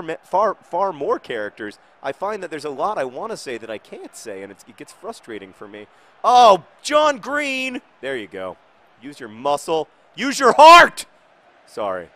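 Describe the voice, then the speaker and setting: A man with an ordinary mid-range voice talks through a football video game while answering viewer questions. He rambles in a dry, self-deprecating way and breaks into loud shouts at the players. A faint background hum sits under his voice. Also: medium pitch.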